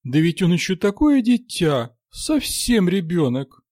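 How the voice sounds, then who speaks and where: A man voicing a fat, fussing old nanny in a read-aloud story, in a high sing-song old woman's voice. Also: big pitch swings, measured pace, darkish tone, no room sound, clean studio sound. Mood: doting.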